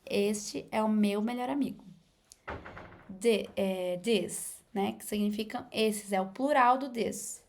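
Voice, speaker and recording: A young woman with a Brazilian Portuguese accent, a native Portuguese speaker, giving a casual English lesson and pausing often to correct herself. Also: medium pitch, a little mellow, a little hiss or hum. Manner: hesitant, many fillers and restarts. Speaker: English teacher.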